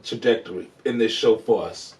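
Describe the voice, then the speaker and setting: A man co-hosting a TV review show, chatting casually in an animated, joking way and laughing often. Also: on the low side, moderate pace. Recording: roomy, distant from the mic.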